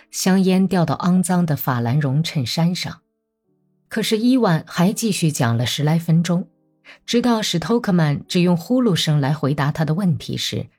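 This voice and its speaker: A woman reading a novel aloud as an audiobook narrator, in a steady, even voice. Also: sits low, breathy edge.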